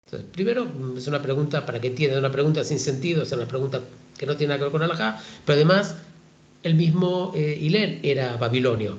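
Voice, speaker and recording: A man gives an informal religious lesson in a thoughtful way, often hesitating and pausing to ask the listeners rhetorical questions. His voice sits a little high in the register. The recording is dull and lo-fi, with a noticeable roomy echo. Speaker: Talmud teacher.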